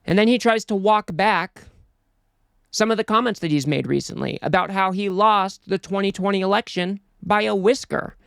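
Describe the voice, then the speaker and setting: A man's voice: high voice, moderate pace, vocal fry, fairly bright tone, clean tone, dry recording, clean studio sound. A man hosting a political commentary show, talking in an exasperated, scornful way.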